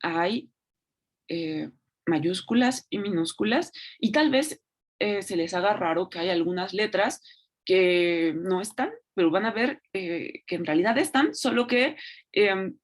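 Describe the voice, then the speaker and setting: A woman's voice: mid-range voice, animated, unhurried. A woman giving an online lecture, speaking unhurriedly with frequent fillers and tag questions. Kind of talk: online lecture on Latin pronunciation.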